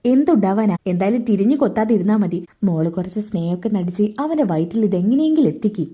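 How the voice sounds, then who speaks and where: A woman's voice: medium pitch, expressive, fast, dark tone, husky. A woman voicing a greedy, scheming middle-aged mother who coaches her daughter in a plot. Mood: bossy. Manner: plotting, bossy, conspiratorial.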